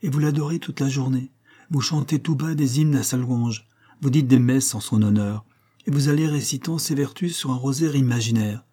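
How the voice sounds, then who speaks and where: A man's voice: mid-range voice, normal speed, dark tone, natural voice. A man reading an audiobook and voicing a proud young woman with a mocking, knowing manner.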